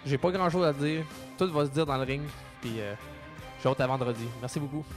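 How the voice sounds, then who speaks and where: Man, Quebec French accent, boxer, fast blunt answers, music under. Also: mid-range voice. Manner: brief, quick, blunt. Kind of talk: casual interview.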